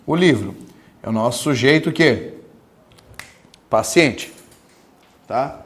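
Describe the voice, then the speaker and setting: A male grammar teacher lecturing to his class with a slightly raised pitch. He speaks emphatically, often stretching single words out slowly so students can copy them down. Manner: emphatic, dictates terms slowly word by word.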